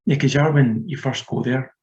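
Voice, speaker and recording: This man, a thirties-aged author from Scotland, chats casually with an interviewer about his writing, hesitating, rambling and filling gaps often. He speaks a little fast in a darkish, mid-range voice, and the recording is dull and lo-fi.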